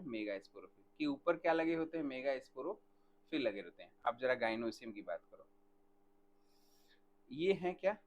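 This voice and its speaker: A man teaching botany in a live online class, asking students questions by name and dictating answers slowly. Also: mid-range voice, a little hiss or hum.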